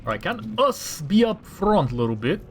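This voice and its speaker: Over a faint hiss or hum, a high-pitched, very animated Romanian man talks at normal speed while showing a mod on his gaming channel. Romanian is his native language, and his casual gameplay commentary mixes thinking aloud with exasperated rants.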